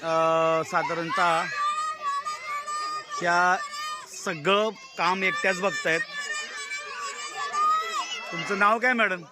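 A man's voice: sits high, fairly even intonation, slow pace, long pauses. A man with a Marathi accent doing a cheerful walkaround vlog, exclaiming and asking children their names at an outdoor school fair. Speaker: reporter touring a school market. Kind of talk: casual walkaround vlog commentary. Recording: busy crowd and loud outdoor noise.

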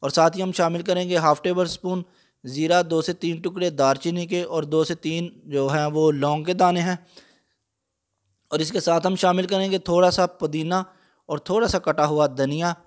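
A man calmly explaining a recipe step by step, patient, with frequent small fillers. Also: fairly high pitch, normal speed. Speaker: cooking channel host. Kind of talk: step-by-step cooking instruction.

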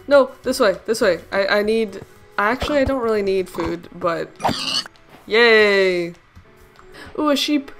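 Chatty young woman narrating her gameplay. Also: mid-range voice. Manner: chatty, giggly, playful sound effects. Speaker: gaming channel host. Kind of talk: casual Minecraft let's play commentary.

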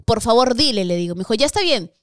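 A young woman with a Peruvian accent tells a personal story in rapid, slightly high-pitched Spanish. She laughs often and slips into other people's voices as she tells it. The recording is close and dry, with no room sound. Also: no echo. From Peru. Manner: animated, laughs often, acts out quoted voices. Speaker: podcast guest. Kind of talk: casual storytelling chat.

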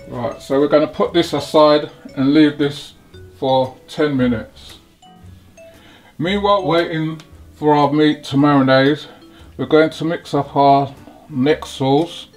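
A man hosting a home cooking video, talking slowly and haltingly through each step of a recipe in his kitchen. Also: a little high, darkish tone. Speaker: cooking channel host. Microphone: off-camera, hands-only framing. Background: sizzling wok, faint music.

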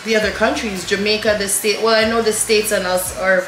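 A woman's voice: mid-range voice, steady tone, fairly quick, echoey room, music in the background, low-quality recording. A woman in her thirties co-hosting a family vlog, chatting to camera with many ums and restarts. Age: 30s. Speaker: vlog co-host, mother. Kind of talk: casual chat to camera. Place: indoor room in front of a lattice-patterned wall.

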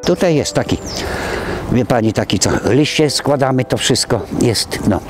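A man's voice: mid-range voice, animated, normal speed, music in the background. An older man from Poland, chatting casually in an interview as he walks around a community center, rambling and breaking off mid-word. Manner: rambling, chatty, trailing off and restarting. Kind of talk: casual conversation.

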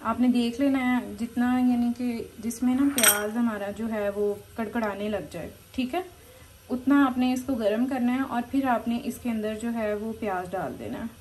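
A woman's voice: a little high, fairly even intonation, moderate pace, a little mellow, slight background noise, poor audio. A woman hosts a home-remedy tutorial in her kitchen. She talks in a chatty, instructive way into a handheld phone camera while she cooks at the stove. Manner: chatty, instructive, often says "okay" and "come on". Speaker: channel host giving home remedies. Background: frying and sizzling.

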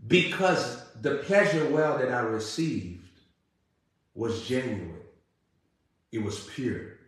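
A man preaching a sermon, building through emphatic repeated questions and then dropping to a low, intimate tone. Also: expressive, slow. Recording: very echoey room.

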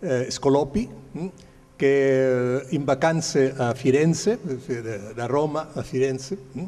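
A man in his seventies from Spain, a native Spanish speaker with a Spanish accent, haltingly searching for words as he shares recollections with an audience through a handheld microphone. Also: mid-range voice, warm tone. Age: 70s. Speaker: guest speaker. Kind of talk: informal recollection addressed to an audience. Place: large glass-walled hall, indoors. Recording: echoey hall over a PA.

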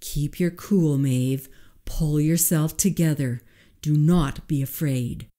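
A woman with a low voice playing an anxious young woman science graduate who pleads and coaches herself. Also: slow, dark tone.

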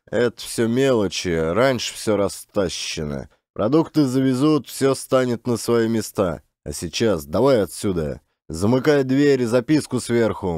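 A man's voice: mid-range voice, a little mellow, no room sound, studio quality, close to an everyday voice. A man voicing a stern male convict boss who gives curt commands.

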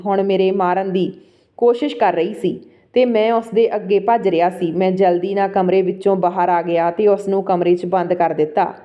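A woman narrating a story aloud in a steady, even storytelling delivery. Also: medium pitch. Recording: dull lo-fi recording.

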